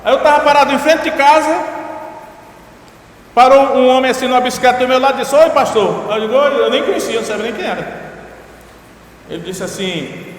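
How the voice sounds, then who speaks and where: A man's voice: very high-pitched, fairly quick, pauses often. A male pastor from Brazil, telling a personal testimony in a sermon, talking loosely with fillers and repeats. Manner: storytelling with many fillers and repeats. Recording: echoey hall with long reverb, faint noise.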